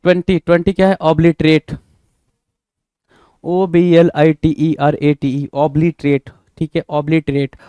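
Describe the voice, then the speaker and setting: A man with an Indian accent leads an exam-prep English vocabulary lesson in a fairly high, level voice, speaking slowly. His tone is mellow, clear and resonant, with no room sound in the recording. He repeats every word, spells it out letter by letter, and keeps quizzing his students.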